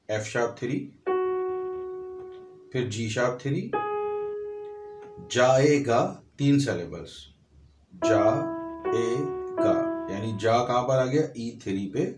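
A man's voice: mid-range voice, slow pace, pauses often, roomy sound. A man teaching a piano lesson, explaining step by step, counting and naming notes aloud. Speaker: music teacher. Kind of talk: piano tutorial.

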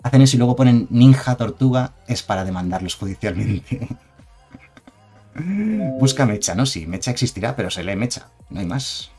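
A man's voice: medium pitch, lively intonation, moderate pace, mellow, soft background music. A man with a Spain Spanish accent giving chatty, digressive live-stream commentary on game cards and reading chat aloud.

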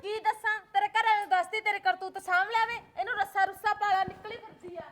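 Woman playing a hot-tempered village busybody, very high voice, fast talk, blunt scolding. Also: steady tone. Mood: taunting. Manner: blunt, scolding and sharp-tongued. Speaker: quarrelsome neighbor.

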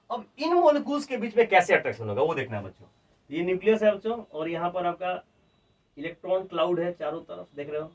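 A high-voiced man with a Bihari accent teaches chemistry with animated emphasis, calling his students children and repeating each step. He sounds set back from the mic, and the recording is dull and lo-fi. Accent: Bihari Hindi. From India. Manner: emphatic, animated explaining, dictating notes word by word. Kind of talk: classroom chemistry lecture. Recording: distant, dull lo-fi classroom audio.

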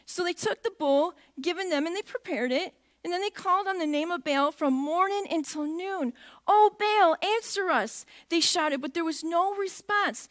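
A woman's voice: extremely high pitch, a bit bright. A middle-aged woman preaching a sermon in a church, talking conversationally and putting questions to the congregation. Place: church sanctuary.

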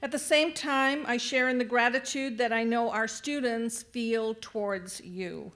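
Woman on a podium mic at a graduation, highish voice, walking grads through the tassel thing. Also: fairly even intonation, unhurried. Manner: warm, directing the crowd with instructions. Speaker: adult education staff speaker at graduation. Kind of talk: ceremony speech to graduates. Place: large ceremony venue.

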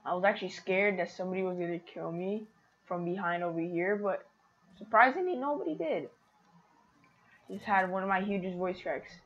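Excitable woman narrating her gameplay. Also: on the low side, brisk, dull audio. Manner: chatty, excitable, talks to viewers. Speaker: gaming streamer. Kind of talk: casual gameplay commentary.

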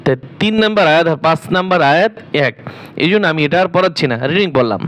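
A man teaching Quran reading, spelling out letters and vowel marks one by one, then chanting each verse in long drawn-out tones. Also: high voice, expressive, a bit bright.

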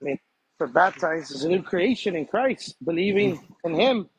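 A man's voice: high-pitched, expressive, normal speed, a little hiss or hum, poor audio. A man talking casually in an interview, hesitant and repeating himself, laughing easily as he answers questions about faith. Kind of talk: casual conversation.

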